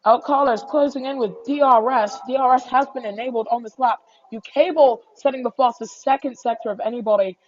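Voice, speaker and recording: A woman's voice: fairly high pitch, fairly quick, hardly any pauses, darkish tone, no room sound. A woman giving live race commentary as a motorsport commentator, with a voice that rises as she calls the action. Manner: motorsport commentator calling action, voice rising on incidents. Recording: dull lo-fi microphone.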